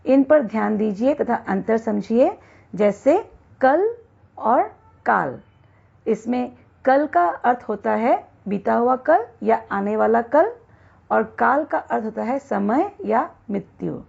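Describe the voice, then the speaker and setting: A woman with a heavily creaky, husky voice gives a grammar lesson at a very slow, measured pace, drawing out each example word. The recording sounds a little dull and lo-fi. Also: fairly high pitch, lively intonation, darkish tone. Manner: slow and deliberate, stretching out the example words. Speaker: teacher.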